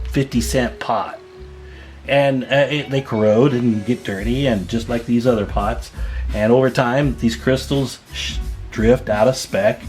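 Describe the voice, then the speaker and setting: A radio repair technician who also hosts videos works indoors at a test bench, thinking aloud as he goes. His mid-range voice has a darkish tone, and his hands-on demonstration is casual, informal and folksy.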